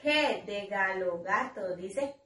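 A woman preschool teacher, giving an online lesson, slowly sounding out letters and syllables in a sing-song way for children and their mothers at home. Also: medium pitch, animated, fairly bright tone, a little hiss or hum.

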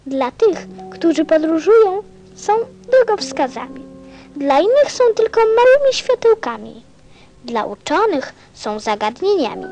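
An actress playing a gentle, wistful little boy from a star in a radio play, speaking tenderly. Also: high-pitched.

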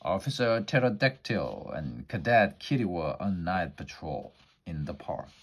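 A man's voice: deep voice, animated, measured pace, slightly rough. A man reading a children's storybook aloud in plain, evenly paced narration. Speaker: storybook reader.

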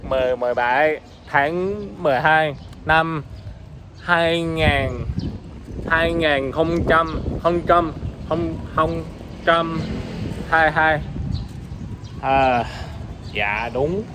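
A man's voice: a little high, extremely slow, long pauses. A man in his twenties, a native English speaker, speaking broken, foreign-accented learner's Vietnamese in a casual vlog, repeating words as he searches for them. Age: 20s. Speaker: vlogger. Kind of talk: casual walking vlog, language practice. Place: outdoors on a street between apartment buildings. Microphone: phone at arm's length. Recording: windy outdoor phone recording, clear background noise.

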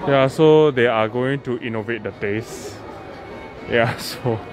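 A man talks his way through a walking tour in an easy, unhurried manner. He sounds chatty and upbeat and speaks into a phone while walking. Loud background music runs under his voice. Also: medium pitch, a crowd in the background. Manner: slow, chatty, upbeat guide. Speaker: vlog host. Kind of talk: casual walking tour commentary. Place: large indoor and outdoor garden complex at night. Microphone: handheld phone camera while walking.

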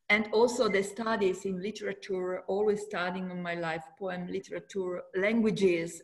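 A middle-aged woman with an Italian accent speaks on a video call panel. Her pitch is average, and her phrasing halts now and then as she works through English as a non-native speaker. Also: fairly bright tone. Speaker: musician and flute teacher on a panel. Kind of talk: panel discussion. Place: indoor room on a video call.

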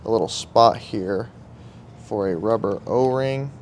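A young man giving casual running commentary while fixing a carburetor at an outdoor workbench, in a relaxed way with muttered asides to himself. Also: fairly low pitch, a little slow, a little hiss or hum. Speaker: vlogger working on a carburetor. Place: outdoor workshop table beside a truck.

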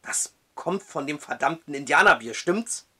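A man doing a croaky groggy old judge. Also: fairly high pitch, animated, moderate pace, sharp tone, full character voice. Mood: gruff. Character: older male judge, gruff and groggy.

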